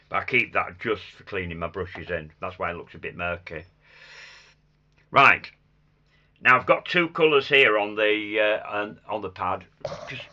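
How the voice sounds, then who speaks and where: A man with a croaky, hoarse voice giving a casual hands-on craft demonstration, muttering small asides to himself as he works. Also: low voice, sharp tone, lo-fi sound. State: hoarse after a chest infection. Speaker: craft tutor demonstrating sugar flowers.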